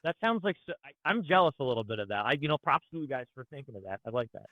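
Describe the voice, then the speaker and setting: Vet guy cracking jokes on a podcast, dry, regular pitch. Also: very animated, very fast, no echo, highs cut off. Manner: joking, teasing banter. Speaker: military veteran podcast guest. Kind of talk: casual podcast chat.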